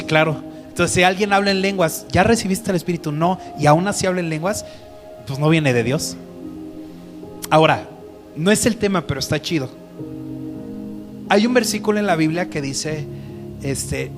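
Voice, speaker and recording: Man leading a casual Bible study, slightly high-pitched, music playing under him. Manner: conversational, asks the group questions. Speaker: teacher. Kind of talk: Bible teaching.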